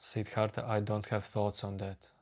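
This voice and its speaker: Calm flat-voiced man with a Latvian accent. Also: fairly low pitch. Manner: slow, calm, reading out chat names. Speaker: livestream host. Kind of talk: casual chat with live chat readers.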